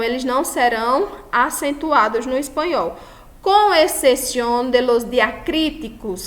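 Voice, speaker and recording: A Brazilian woman, a Spanish teacher, giving a recorded lesson, checking in with her students and stressing each example word. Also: fairly high pitch. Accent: Brazilian Portuguese. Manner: affectionate, checks in often with the class; stresses example words loudly.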